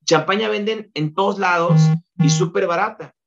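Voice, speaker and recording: A Mexican man chatting as a podcast guest, a lively storyteller who often uses fillers like "este". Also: sits high, moderate pace, muffled recording, soft background music. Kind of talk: casual interview chat.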